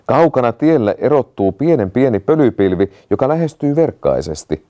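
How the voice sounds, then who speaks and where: A man voicing a calm, steady castle watchman in a storybook reading, answering in a measured, unhurried way. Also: medium pitch, lo-fi sound, natural voice. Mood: calm report.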